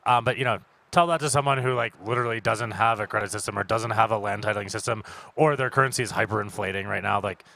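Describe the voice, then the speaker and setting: A man on a conference panel, speaking casually with quick asides and frequent "like". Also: on the low side, vocal fry, pushed and bright. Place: conference stage.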